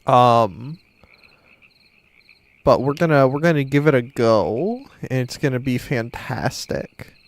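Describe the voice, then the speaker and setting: A man's voice: mid-range voice, expressive, takes it slowly, pauses often, no room sound. A tired man rambling casually and self-deprecatingly to his live stream chat, a little under the weather. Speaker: game streamer.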